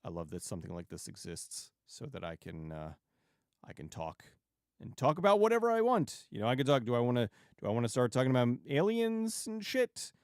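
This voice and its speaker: A man hosting a livestream and chatting casually with viewers in a rambling, halting way, often restarting sentences and digressing. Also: mid-range voice, huge pitch swings, clear, resonant tone, dry recording, clean studio sound. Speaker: YouTube livestream host.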